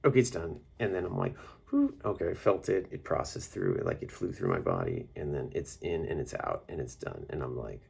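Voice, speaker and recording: Guy with a super low gravelly voice rambling on in a vlog, goes up and down a lot. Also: sing-song, fairly quick, few pauses, darkish tone. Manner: rambling and reflective, many fillers. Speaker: vlogger on a water fast. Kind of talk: casual personal vlog.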